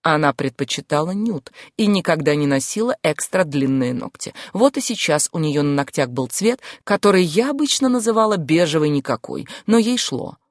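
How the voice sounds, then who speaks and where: A woman's voice: low voice, animated, normal speed, hardly any pauses, no room sound, clean studio sound. A young woman narrating a novel in first person, in a sardonic, brash tone with crude asides. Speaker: audiobook narrator.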